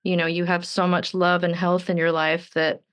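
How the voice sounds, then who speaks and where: A woman's voice: lowish voice, flat delivery, normal speed, a bit bright, smooth. A woman in her thirties from Texas, a singer-songwriter guest talking casually, rambling and full of fillers. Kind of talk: casual interview chat.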